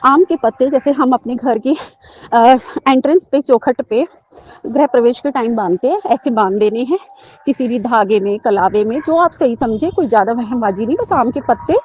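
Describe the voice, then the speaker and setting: A woman's voice: a little high, moderate pace, darkish tone, breathy edge, no room sound. Earnest woman telling devotional stories, slightly muffled. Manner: earnest, rambling storytelling with frequent fillers. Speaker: devotee sharing satsang talk. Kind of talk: devotional personal talk to followers.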